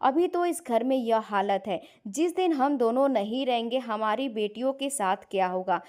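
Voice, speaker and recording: A woman voicing an angry middle-aged mother who shouts and scolds her son in a family story. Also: a little high, animated, normal speed, natural voice. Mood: angry scolding.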